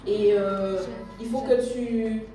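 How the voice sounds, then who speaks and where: Woman sharing a faith testimony, hesitant and halting, mellow, a bit high, echoey distant mic. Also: faint music behind. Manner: hesitant, searching for words, then laughing and excited. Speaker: church member giving testimony. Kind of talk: spontaneous spoken testimony. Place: church hall.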